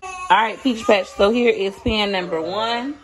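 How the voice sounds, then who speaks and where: A woman's voice: a little high, lively intonation, measured pace, slight background noise. A woman filming a casual home cooking video, chatting folksily to her viewers while she stirs a pot. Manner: chatty, folksy, talks to viewers as Peach Patch. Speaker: cooking vlogger. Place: home kitchen.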